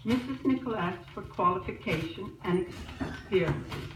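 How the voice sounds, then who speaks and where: A woman's voice: mid-range voice, lively intonation, normal speed, recorded from a distance. A woman chatting through a spoken letter to her family back home, heard as an old disc recording. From Australia. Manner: chatty, newsy storytelling. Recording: noisy echoey old disc recorded from afar.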